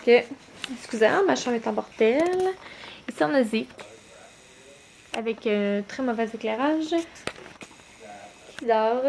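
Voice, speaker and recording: Young woman, Québécois accent, slightly high voice, casual home vlog, lots of pauses, faint room noise. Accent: Québécois French. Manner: chatty, many "euh" pauses, relaxed. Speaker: vlogger, new mother. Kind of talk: casual vlog talk to camera. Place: home, bedroom at night.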